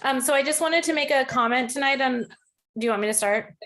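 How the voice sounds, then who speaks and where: A woman's voice: high-pitched, quick pace, a bit bright. Woman caller heard through a speakerphone held up to the mic, distant, earnest, hesitant, filler-heavy. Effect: phone voice played on speakerphone and re-recorded in the meeting room. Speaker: caller giving public comment. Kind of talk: public comment at a school board meeting.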